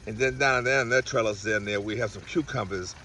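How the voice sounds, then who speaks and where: A man's voice: on the low side, brisk, a little hiss or hum. A man giving a casual vlog tour of an outdoor garden where he teaches kids. He rambles, with lots of fillers and restarts. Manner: rambling, warm-hearted, many fillers and restarts. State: getting rained on. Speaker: garden mentor to youth.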